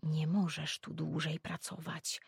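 A woman's voice: on the low side, animated, unhurried, darkish tone, husky, no room sound, clean studio sound, heavily acted. A woman voicing a fretful, scolding old mother. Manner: urgent, scolding, insistent. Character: anxious grey-haired older mother, disapproving.

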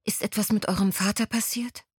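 A woman voicing a lively young schoolgirl in an audiobook, eager and breathless. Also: medium pitch, a little fast, breathy edge, no room sound, studio quality, voice pushed up. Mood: fearful.

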